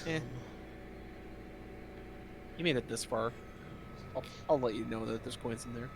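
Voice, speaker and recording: A man's voice: medium pitch, a little slow, background noise. A man working as game master, narrating a tabletop role-playing game in an informal way. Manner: informal, with spoken sound effects. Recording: music behind the voice.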